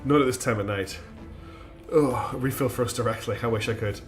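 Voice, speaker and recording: Faint music plays behind this mid-range, fairly quick voice as the man plays a strategy game on a live stream. His nose is a bit stuffy, and his chatty thinking aloud is full of ums and false starts.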